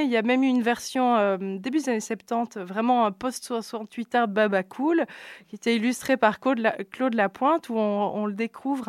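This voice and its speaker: A woman's voice: fairly high pitch, no echo, clean studio sound. A woman with a Belgian French accent, talking about a book on a radio show, with many hesitations and restarts. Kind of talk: casual radio book review.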